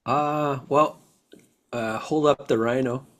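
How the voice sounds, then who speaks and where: A man's voice: medium pitch, fairly even intonation, slow. A man co-hosting a casual chat, speaking hesitantly and trailing off. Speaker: co-host.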